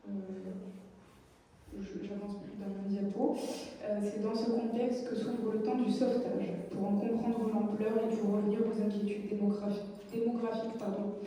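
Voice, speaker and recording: Young french woman lecturing, pretty monotone, lots of euh and self-corrections, mic far off in a roomy hall. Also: medium pitch, a little hiss or hum. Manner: reads a prepared text, then digresses with many fillers and self-corrections. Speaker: doctoral researcher giving a lecture. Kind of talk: academic lecture read from notes. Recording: distant, echoey lecture hall recording.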